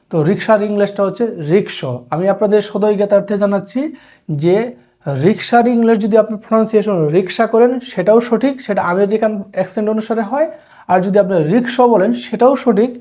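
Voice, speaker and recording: A woman from Bangladesh teaching English pronunciation, slowly repeating each word as a drill. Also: medium pitch, warm tone. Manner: slow drilled repetition of English words. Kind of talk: spoken English lesson.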